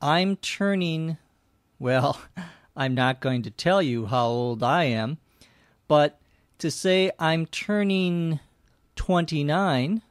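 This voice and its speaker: A man hosts a language-lesson podcast, narrating and explaining from a script in a deliberate, carefully phrased way for learners. His voice is on the high side, and the recording is dry and studio quality.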